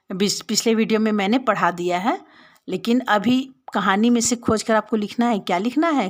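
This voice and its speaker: A woman with an Indian accent teaching a lesson to young children, patiently explaining step by step and repeating words. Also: medium pitch. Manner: addresses the children directly.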